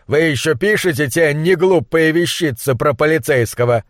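A man's voice: on the high side, normal speed, no room sound, clean studio sound, lightly acted. A man voicing a brilliant, bitter monster scientist who speaks with acid sarcasm. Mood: scornful. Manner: acid, sardonic.

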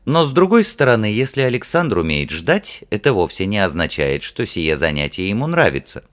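A man narrating a fantasy audiobook in a measured, even storytelling manner. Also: lowish voice.

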